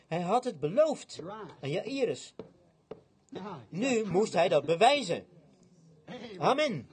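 A man's voice: high-pitched, big pitch swings, takes it slowly. A man preaching a sermon with emphatic, dramatic storytelling. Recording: congregation audible in the background.

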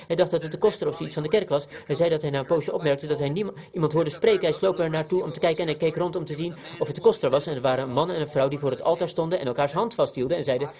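A preacher delivers his sermon in a fairly high voice for a man. He speaks earnestly, repeating himself for emphasis as he tells stories, and his voice climbs and grows louder on the points he wants to drive home. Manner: earnest, repetitive emphasis, voice rising on key points. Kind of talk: sermon with storytelling.

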